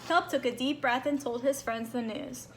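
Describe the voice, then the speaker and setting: Female storybook reader, high-pitched, expressive delivery for young children, faint background noise. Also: normal speed. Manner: animated, acts out small moments. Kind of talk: expressive children's read-aloud.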